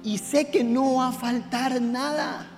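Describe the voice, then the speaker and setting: A man preaching a sermon to his congregation, swinging from hushed confession to shouting. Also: very high-pitched, fairly even intonation, slow pace. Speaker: pastor. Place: church hall. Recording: reverberant hall with faint music.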